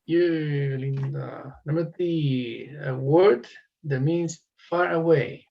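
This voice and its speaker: A man's voice: on the high side, slow pace, vocal fry, dull audio. A man teaching an English class, encouraging students and calling on them by name.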